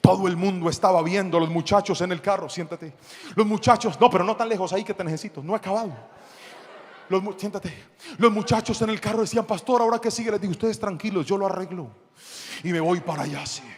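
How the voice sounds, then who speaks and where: High-voiced pastor in a hall. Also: male voice, quick pace. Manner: animated, shouting the action. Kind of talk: storytelling sermon. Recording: long hall reverb, faint noise.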